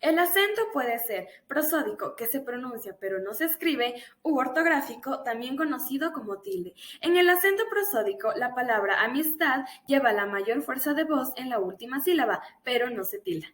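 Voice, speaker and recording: Young woman student, high voice, steady read-through of grammar rules. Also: normal speed, hardly any pauses. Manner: steady explanatory reading of rules. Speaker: university student presenter. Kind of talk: read-aloud class presentation.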